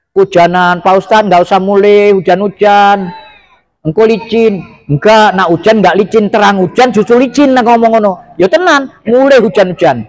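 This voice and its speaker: A man giving a religious lecture, telling lively, humorous stories. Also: high voice. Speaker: preacher.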